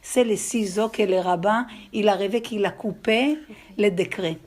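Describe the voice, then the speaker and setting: A religious teacher, a woman with an accent, lectures a group, telling stories haltingly with restarts and often checking that her listeners followed. Her pitch is medium, and a crowd can be heard behind her.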